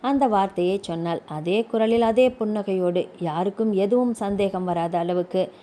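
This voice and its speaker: A woman's voice: medium pitch, moderate pace, dark tone. A woman narrating a novel as an audiobook, voicing the characters' dialogue herself.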